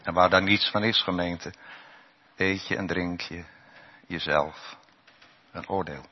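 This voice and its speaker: Male preacher, low voice, slow, dramatic shifts between raised and hushed delivery; dull church recording with long reverb. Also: steady tone. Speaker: pastor. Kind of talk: sermon.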